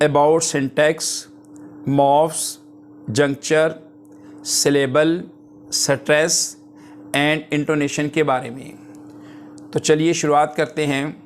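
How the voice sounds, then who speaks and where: A man teaching a linguistics lesson, dictating English definitions slowly and then explaining them in a relaxed, conversational way. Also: fairly high pitch, slight background noise. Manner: reads word examples one by one. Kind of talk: lecture.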